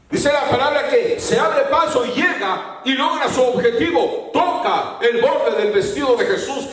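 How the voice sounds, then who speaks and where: A man with a very high voice preaches a fervent sermon and now and then rises to a shout. He stands well back from the microphone, and the room rings with heavy echo. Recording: very echoey room, mic far off.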